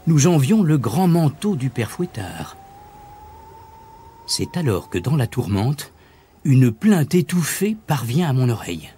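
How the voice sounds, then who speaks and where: A man reading a children's story aloud as narrator, in an expressive, animated way. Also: mid-range voice, a little slow, a little hiss or hum.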